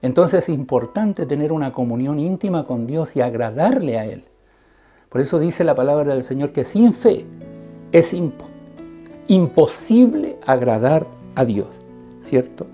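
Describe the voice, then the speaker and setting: A preacher giving an earnest sermon, often tagging phrases with a questioning "right?" and stretching key words with sudden loud emphasis. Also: mid-range voice, expressive, unhurried. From Chile. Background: faint guitar music.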